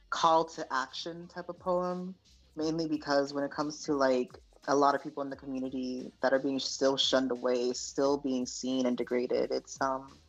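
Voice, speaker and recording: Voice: mid-range voice, highs cut off. A guest poet from the United States talking earnestly in a casual interview, with many fillers and restarts.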